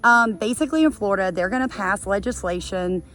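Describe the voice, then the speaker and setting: A woman's voice: mid-range voice, brisk, fairly bright tone, soft background music. A woman hosting a homestead vlog outdoors on a small farm, talking straight to viewers in an emphatic, direct way. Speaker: homesteader and channel host. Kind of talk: casual instructional vlog.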